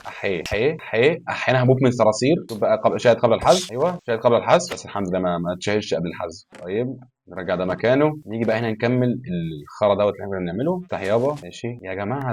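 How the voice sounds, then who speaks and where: A young man with an Egyptian Arabic accent talks through his game at a very fast clip. He sounds exasperated, swearing and pleading with the game. A faint noise sits behind his voice. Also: on the low side. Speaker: gaming YouTuber. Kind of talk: live gameplay commentary.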